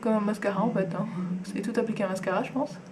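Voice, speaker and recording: A woman's voice: medium pitch, steady tone, quick pace, noisy background. A young woman, chatting enthusiastically through a makeup tutorial at home, with frequent fillers and asides. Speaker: beauty vlogger.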